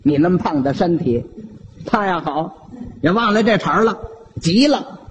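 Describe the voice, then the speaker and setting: A man with a Beijing accent telling a comic story solo, in a lively, animated manner. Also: sits high, moderate pace, in a large hall, dull audio, a little hiss or hum.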